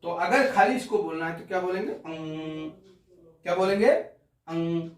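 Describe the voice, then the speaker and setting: A male Hindi teacher giving a classroom-style pronunciation lesson, slowly drilling syllables one by one. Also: high voice. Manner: slow, deliberate syllable-by-syllable drilling. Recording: roomy, distant mic.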